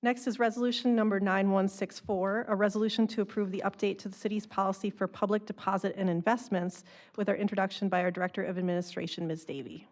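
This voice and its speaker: A woman's voice: mid-range voice, fairly even intonation, darkish tone. Woman chairing a city council meeting. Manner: brisk procedural announcing. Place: council chamber.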